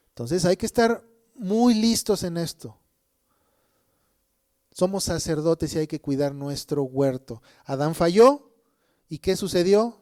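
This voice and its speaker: High-voiced preacher man. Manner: emphatic, asks listeners "¿sí?" often; says people think he is shouting. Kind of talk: sermon.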